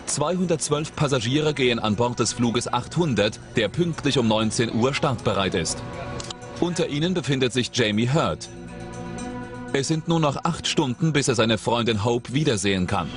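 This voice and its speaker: A man reading scripted documentary narration in a studio voice-over, with a measured, suspenseful delivery. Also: mid-range voice, lively intonation. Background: dramatic music.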